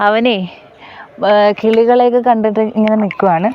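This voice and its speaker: A woman's voice: on the high side, fairly even intonation, moderate pace, dull audio, slight background noise. A young woman and mother chatting casually in a family vlog, coaxing and teasing small children.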